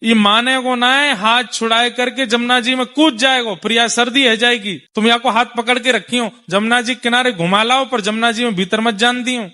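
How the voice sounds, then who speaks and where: Man doing a mother figure, Braj accent, scolding, fussy, protective, bright high voice. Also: fairly even intonation, a little fast, few pauses. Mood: worried. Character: doting scolding mother of a mischievous boy.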